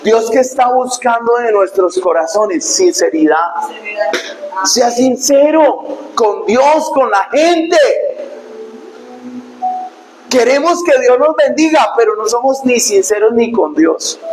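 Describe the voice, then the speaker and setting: A male pastor preaching a sermon, emphatic and dramatic, breaking into shouts. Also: high voice, measured pace, roomy sound, slight background noise, rough recording. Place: church.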